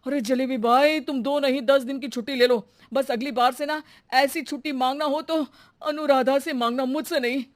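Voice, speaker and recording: A man's voice: very high voice, fairly even intonation, moderate pace, no echo. Man acting exasperated, melodramatic cartoon husband, dry sound. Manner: complaining, melodramatic. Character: exasperated, theatrical male householder, easily driven mad. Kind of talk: exaggerated Hindi cartoon comedy acting.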